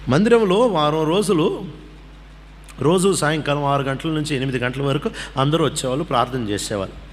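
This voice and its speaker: A man preaching a testimony, telling the story in an animated way and acting out the voices of the people in it. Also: a little fast. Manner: animated storyteller, acts out dialogue, pitch swings widely. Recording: long hall reverb with faint background hum.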